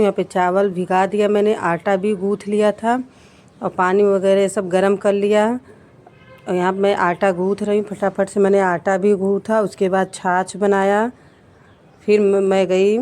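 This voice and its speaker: A woman in her thirties, a vlogger and mother, narrating her day in a soft, unhurried way. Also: mid-range voice. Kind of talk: casual vlog narration.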